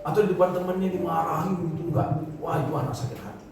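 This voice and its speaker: Middle-aged pastor preaching in echoey hall. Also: male voice, a little high, fast talker, noisy background. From Indonesia. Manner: conversational, chuckling asides. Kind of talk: sermon. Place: large church hall. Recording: echoey hall heard from far off.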